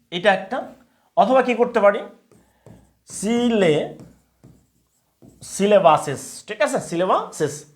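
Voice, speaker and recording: A man with a Bengali accent teaching English grammar in a live online class, repeating words slowly and often checking that students follow. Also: high voice.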